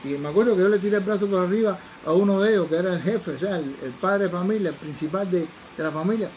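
Quick and high-pitched but darkish in tone, this older Cuban man with a Cuban Spanish accent recounts his experiences as a forensic toxicologist. He tells them with animation and imitates the people he quotes, over slight background noise on a rough recording.

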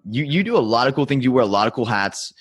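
A man's voice: medium pitch, expressive, fast, breathy edge. A man hosting a podcast, chatting casually and laughing easily with his guest. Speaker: podcast host.

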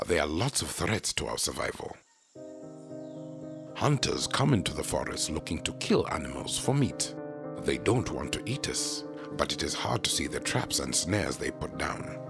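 A man voicing a proud, gentle silverback gorilla who heads his troop and patiently explains things in a children's educational show. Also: very animated, moderate pace, over music, full character voice. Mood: grave. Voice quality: very deep, gravelly, husky.

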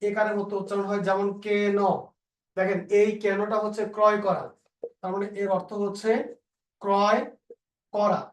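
A male teacher with a Bangladeshi Bengali accent, slowly dictating spelling rules and repeating example words. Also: high voice, little pitch movement. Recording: echoey room, voice a bit far from the mic.

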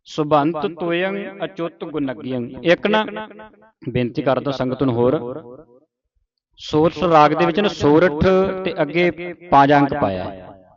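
A man with a Punjabi accent teaching a line-by-line recitation lesson, patiently repeating words slowly for a student. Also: on the high side, animated, highs cut off, crowd noise. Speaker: Gurbani pronunciation teacher.

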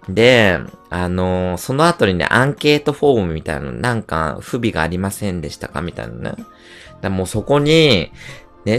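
A man chats casually on his livestream, spinning animated, rough-edged rants full of slang. His voice sits on the low side yet swings widely up and down as he gets worked up. Faint music plays behind him. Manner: animated ranting storyteller, rough slangy speech. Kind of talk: casual chat.

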